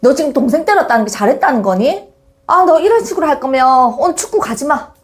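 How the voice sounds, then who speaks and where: A woman voicing an exasperated mother of two boys, nagging them with sharp, rising questions. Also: sits high, lively intonation, quick pace, pitched above the performer's own voice. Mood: scolding.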